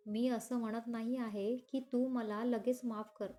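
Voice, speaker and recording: Reading a romance story aloud, a woman voices a possessive, insistent young man, sounding forceful and pleading. Her voice is very high-pitched, level in tone, and measured in pace.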